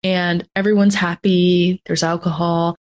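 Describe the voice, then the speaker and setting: Low-voiced North American woman hosting. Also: little pitch movement, unhurried. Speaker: podcast host. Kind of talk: casual conversational interview.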